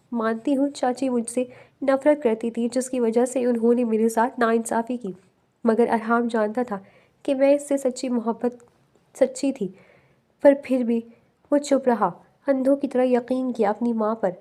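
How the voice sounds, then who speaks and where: A woman's voice: a little high, steady tone, natural voice. A woman reading the lines of a proud, heartbroken young woman in an audiobook novel. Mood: hurt. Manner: proud, sharp.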